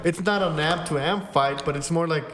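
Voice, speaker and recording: Man, slightly high voice, profane casual chat, echoey noisy room. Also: a little fast, fairly bright tone. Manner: slangy, profane. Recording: echoey room with background noise.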